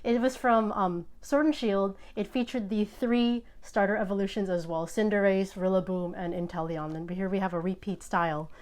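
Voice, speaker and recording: A woman hosting a casual unboxing video, chatting excitedly and sometimes tripping over her words. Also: medium pitch, normal speed, few pauses. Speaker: host opening trading card packs.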